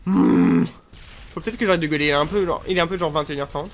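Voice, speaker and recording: A woman casually commentating her own gameplay, joking and swearing crudely, with sudden shouted outbursts. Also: low voice, rapid-fire. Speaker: gaming channel host. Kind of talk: casual let's play commentary.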